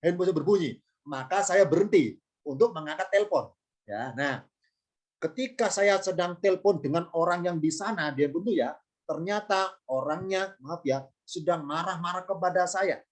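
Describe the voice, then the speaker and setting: A man's voice: sits high, normal speed. Male religious teacher, patient online lesson; self-answered questions, repeats key terms, apologetic asides. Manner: explains step by step, asks and answers his own questions, repeats key words; apologetic asides before examples. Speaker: Islamic studies teacher. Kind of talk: online lesson on Arabic grammar and Quran meaning.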